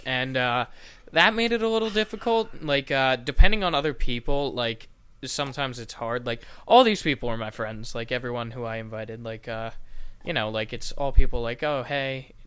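A man's voice: mid-range voice, normal speed, a bit bright, clean tone, no echo. A man co-hosting a casual podcast, talking in a blunt, teasing way. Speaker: podcast co-host. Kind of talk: casual chat.

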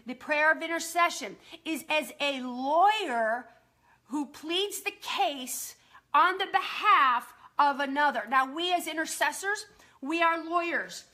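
A woman preacher teaching on prayer in a live-streamed sermon, talking fast and earnestly and quoting scripture. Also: high-pitched, bright, forceful tone.

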